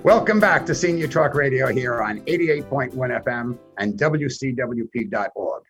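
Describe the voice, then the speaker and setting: A man's voice: mid-range voice, lively intonation, moderate pace, fairly bright tone, soft background music. A man with a heavy Brooklyn accent hosting a radio talk show in an informal way.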